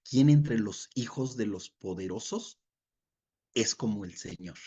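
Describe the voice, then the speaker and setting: Male Bible study teacher, husky voice, chatty and engaging, dull lo-fi sound. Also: on the low side, lively intonation, slow pace, mellow. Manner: conversational, checks in with listeners, reads verses aloud. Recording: dull lo-fi recording.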